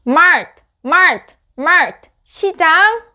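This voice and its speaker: A woman's voice: very high-pitched, expressive, very slow, bright, forceful tone. A woman teaching beginner English phonics. She repeats each word three times, then gives its meaning and tips on how to say it. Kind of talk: slow repeated word drills with explanations.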